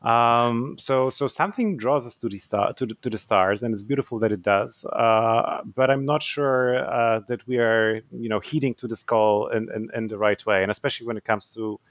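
A man's voice: medium pitch, steady tone, moderate pace, few pauses, dry recording. A man, an author giving thoughtful interview answers, hesitant with many fillers and restarts. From Poland. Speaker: author guest.

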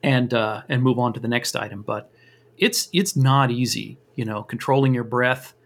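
A man's voice: medium pitch, moderate pace, a bit bright. Modest male podcast guest. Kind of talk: casual chat.

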